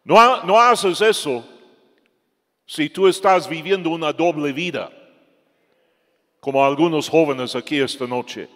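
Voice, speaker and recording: This is a man preaching a sermon in a church, slow and deliberate. His fairly high voice moves between loud emphasis and quiet stretches. A long reverb hangs behind him. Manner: emphatic, swings from loud to soft. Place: church hall.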